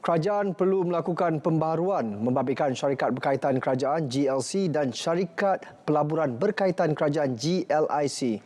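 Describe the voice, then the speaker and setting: A man's voice: on the high side, moderate pace, few pauses, darkish tone. A man reading parliamentary news in a formal studio newsreader delivery. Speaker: news presenter.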